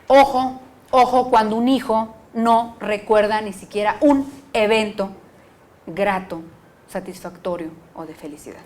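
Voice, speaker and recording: A woman psychologist lecturing an audience, acting out what parents and children say. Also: medium pitch. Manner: lively, acts out quoted parents and children.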